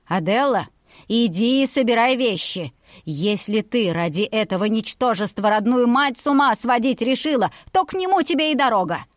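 A woman voicing an older mother who is cold, sharp-tongued and threatening. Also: fairly high pitch, dry recording, clean studio sound, lightly acted.

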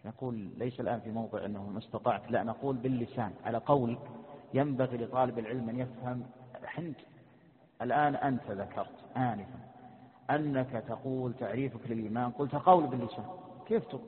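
A man's voice: medium pitch, quick pace. A sheikh teaching a creed class, quizzing his students and repeating his questions in a mix of colloquial and formal speech. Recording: tinny phone-like lecture recording in a reverberant hall.

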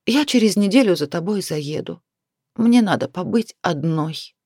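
An indignant, reproachful wife with second sight, as a woman reader puts her on, her pitch swinging widely as she scolds. Her voice sits low and sounds dry and close. The whole thing plays out as a storybook read aloud. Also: expressive, measured pace, warm tone, dry recording. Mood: cold, tired. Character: irritable clairvoyant wife, quick to scold.

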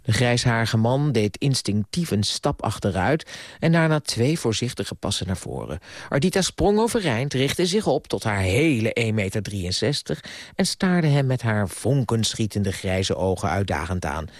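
A man narrating a radio story with expressive storytelling. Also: on the low side, normal speed, dry recording, studio quality.

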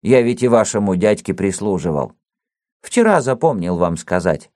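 A man's voice: fairly low pitch, sing-song, moderate pace, darkish tone, no echo, clean studio sound. A man voicing an older, toothless male church watchman who mumbles and rambles deferentially in folksy speech. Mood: chatty. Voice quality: mumbling, lisping.

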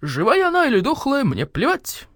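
A woman's voice: high-pitched, wildly swooping pitch, moderate pace, no echo, voice pushed up, full character voice. A growling, menacing guard dog chief, put on by a woman reading aloud. His lines rise and fall widely in a dry, close recording.

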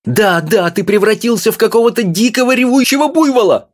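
A man reading an audiobook and voicing a small, excitable older woman who scolds in a shrill voice. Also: brisk. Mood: indignant scolding.

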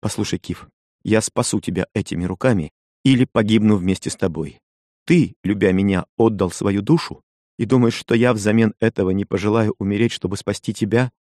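A man's voice: fairly low pitch, fairly quick, darkish tone, no echo, studio quality, natural voice. A man voicing a loving, resolute young island woman who speaks earnestly and pleads with feeling. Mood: fervent.

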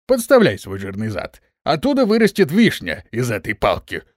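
A man voicing a stern male holy preacher, commanding in a loud, slow voice in an audiobook. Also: mid-range voice, huge pitch swings, dry recording, clean studio sound. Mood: scolding.

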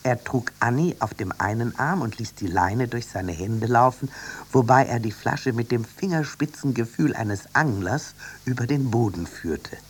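Storybook narrator, lively dramatic reading, children's radio. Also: medium pitch, moderate pace, slight background noise.

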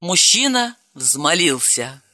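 A woman narrating a novel in an expressive, brisk storytelling manner. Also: fairly low pitch, no echo, studio quality. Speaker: audiobook narrator. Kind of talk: scripted narration.

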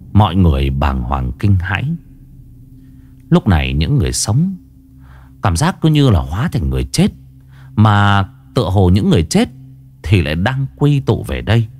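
Male horror storyteller, lowish voice that swoops widely, faint music bed. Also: darkish tone. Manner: dramatic, ominous storytelling. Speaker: narrator. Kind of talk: scripted horror story narration.

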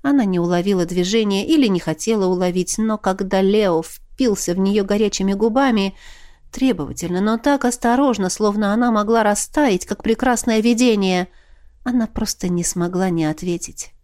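Woman narrating an audiobook, measured and expressive, middle pitch. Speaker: audiobook reader. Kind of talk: scripted narration.

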